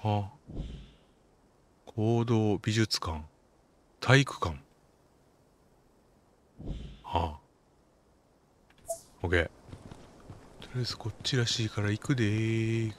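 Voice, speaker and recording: A man with a Kansai accent giving casual running commentary while playing a game, often telling a character to be quiet. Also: fairly low pitch, slow, pauses often, slight background noise. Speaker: game streamer. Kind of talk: casual let's-play commentary.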